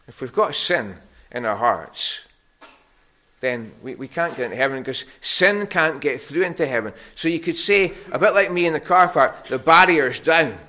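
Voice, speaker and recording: A middle-aged man with a Scottish Hebridean accent, giving a conversational children's sermon as an animated story with questions to his listeners. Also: on the high side, moderate pace. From Harris, Scotland. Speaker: preacher giving a children's talk.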